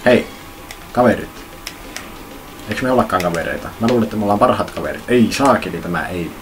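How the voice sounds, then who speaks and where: A man's voice: on the low side, expressive, music in the background. A man commenting on his racing game with rambling jokes and mild swearing. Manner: rambling, jokey, swearing, mock-pleading. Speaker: let's play gamer. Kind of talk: let's play commentary.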